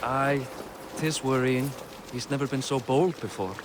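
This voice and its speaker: A man with a mid-range, slightly slow voice, close to everyday speech, acts in a dramatic video game as a genial but world-weary Viking king. He sounds troubled and wry, self-deprecating, with old-fashioned phrasing. Music plays behind him over a noisy background.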